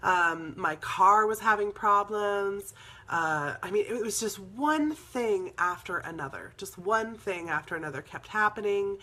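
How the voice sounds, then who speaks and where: A woman teaching a spiritual healing session, telling a personal story in an earnest, rambling way with soft laughs and fillers. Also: mid-range voice, lively intonation, measured pace.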